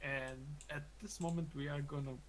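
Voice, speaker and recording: A man running a tabletop game as game master, relaxed and joking, often laughing. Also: a little high, moderate pace, slight background noise, rough recording.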